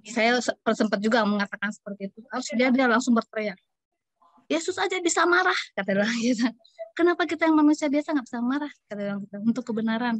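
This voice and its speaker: Female participant, from her office via video call; hesitant, rambling, slightly high voice, dry sound. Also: no echo. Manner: hesitant, rambling, many fillers and restarts. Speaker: participant asking a question. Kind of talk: asking a question in an online discussion.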